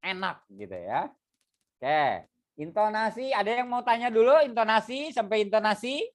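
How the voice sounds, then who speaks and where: A man's voice: sits high, big pitch swings, normal speed. A man teaching a poetry reading class, explaining casually and drilling students on vowel sounds. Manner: casual, explanatory, uses fillers like "gitu ya".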